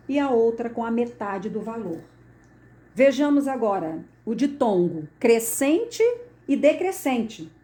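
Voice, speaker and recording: A woman teaching a Portuguese grammar lesson, explaining slowly and deliberately and repeating the key words. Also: a little high, warm tone. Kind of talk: classroom lesson at a board. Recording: echoey room.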